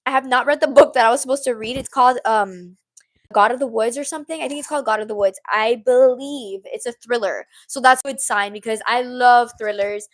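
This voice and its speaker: With a slightly high voice and a fairly quick pace, a young woman in her twenties chats on a casual livestream styled like a podcast. Into a small handheld mini mic at home, she rambles, giggles, responds to live comments, and says "like" frequently.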